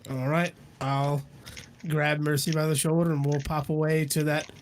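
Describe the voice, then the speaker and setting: A man's voice: a little high, little pitch movement, moderate pace. A man playing a tabletop game in casual talk, rambling and restarting his sentences. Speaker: player.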